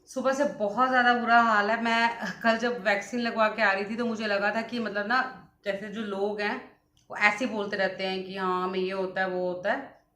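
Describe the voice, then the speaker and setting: A woman's voice: medium pitch, steady tone, moderate pace, sharp tone. A young woman, chatting in a casual vlog while unwell after a vaccine, telling stories and mixing in English words. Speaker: vlogger. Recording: echoey room.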